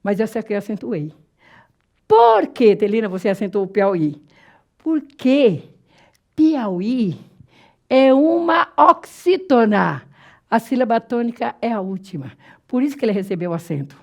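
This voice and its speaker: With a medium-pitched, dark-toned voice, a woman from Brazil leads a Portuguese grammar class aimed at exam preparation. She stretches out important words, repeats them slowly, and puts rhetorical questions to herself.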